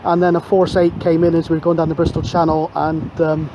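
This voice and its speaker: Speaking a little fast in a monotone, a man whose voice runs on the high side rambles cheerfully as a CB radio operator at a windy shoreline. He mixes casual radio talk with narration to camera. The dull outdoor recording carries obvious wind and ambient noise.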